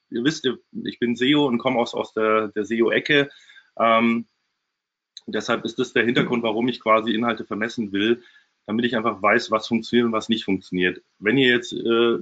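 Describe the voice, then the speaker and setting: A man's voice: medium pitch, a bit bright. A man speaking as a guest presenter, giving a casual webinar from a small hotel room. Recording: dull, lo-fi webinar stream.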